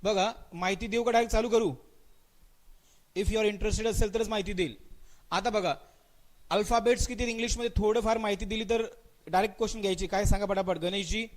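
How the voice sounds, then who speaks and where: A man with a Marathi accent teaching an English grammar exam-prep class live online. He calls on students by name, repeats his questions and answers, and drags out the example sentences slowly. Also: sits high, steady tone. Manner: mixes English words into his speech, stretches out spoken example sentences.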